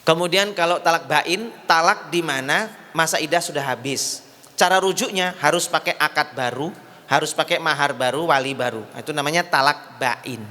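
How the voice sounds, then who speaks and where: A man's voice: on the high side, moderate pace, sharp tone. A man giving a religious lecture, patiently repeating points and checking that his audience understands. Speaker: Islamic preacher. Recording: hall reverb.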